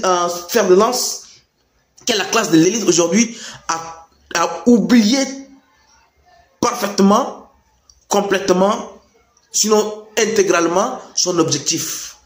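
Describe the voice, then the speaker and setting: A man's voice: sits high, unhurried. A man gives impassioned, informal political commentary, emphatic and repeating phrases for stress. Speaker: political commentator addressing youth. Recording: echoey room.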